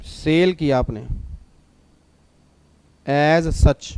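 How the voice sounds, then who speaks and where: A middle-aged man with an Indian accent teaching a tax class, lively, repeating his points and teasing students. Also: on the high side, extremely slow, clean tone, dry recording. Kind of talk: recorded classroom lecture.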